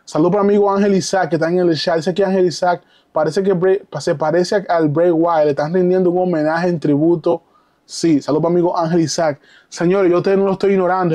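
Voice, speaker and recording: An excitable man talking on a live stream from his home, his voice sitting a little on the high side. He comments eagerly, answers chat messages, and drops English exclamations into his speech. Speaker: live streamer reacting to wrestling. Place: home, downstairs at night.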